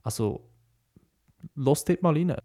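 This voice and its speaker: A man's voice: on the high side, expressive, takes it slowly, heavy background noise. A young man with a Swiss German accent hosting a podcast in a casual, conversational, reflective monologue. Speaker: podcast host, broadcaster intern.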